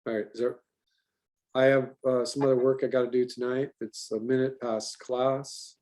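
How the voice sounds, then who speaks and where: A man teaching an online animation class in an animated, talkative way. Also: medium pitch, normal speed.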